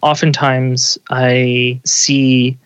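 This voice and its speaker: A man's voice: mid-range voice, level tone, very slow, clear, resonant tone, dry recording, rough recording. A man in his thirties, a father answering interview questions in an earnest, reflective way with frequent restarts. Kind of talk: conversational interview.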